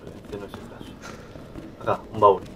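A man's voice: on the low side, level tone, fairly quick, noisy background. A man with a Rioplatense Spanish accent giving casual let's-play commentary, chatty and easily startled, yelping and laughing at scares. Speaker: gaming YouTuber.

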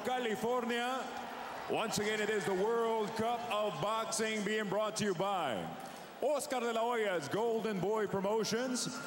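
A man announcing in the ring like a showy lucha libre announcer, theatrically stretching out words and names. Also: high voice. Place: boxing ring in a large indoor arena. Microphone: handheld microphone over arena PA. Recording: echoing arena, loud crowd noise.

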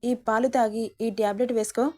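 A caring young husband, read by a woman narrator, speaks patiently with a teasing edge. The voice stays mellow and fairly high, in a storybook reading. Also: little pitch movement, fairly quick, close to an everyday voice.

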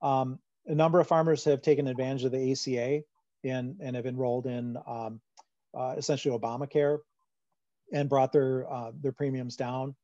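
A man's voice: mid-range voice, fairly even intonation, moderate pace, dark tone, dry recording. Midwestern man answering webinar questions. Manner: conversational, many fillers and restarts. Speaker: farm finance presenter. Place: home room on a video call. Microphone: computer microphone on a video call. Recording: dull lo-fi video call audio.

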